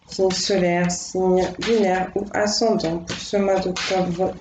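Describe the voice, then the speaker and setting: A woman doing a relaxed tarot reading in a slightly low voice, thinking aloud and reassuring her listeners. Her voice rings in an echoey room, with faint noise in the background. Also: takes it slowly. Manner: thinks aloud, gentle and reassuring, many fillers. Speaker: tarot card reader. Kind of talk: casual spoken tarot reading.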